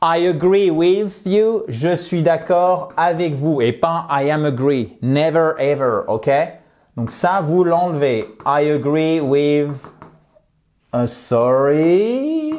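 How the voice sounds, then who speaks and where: A man teaching English in a video lesson, saying English phrases slowly and clearly and explaining their pronunciation. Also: on the high side, a little mellow.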